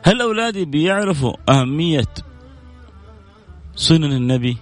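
A man's voice: fairly high pitch, expressive, normal speed, faint music behind. A man hosting a religious program, giving an earnest sermon-style talk and repeating phrases to drive his points home.

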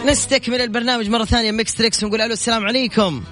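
A man hosting a radio call-in quiz, teasing and affectionate with his callers in lively banter. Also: very high-pitched, very fast, loud music behind the voice.

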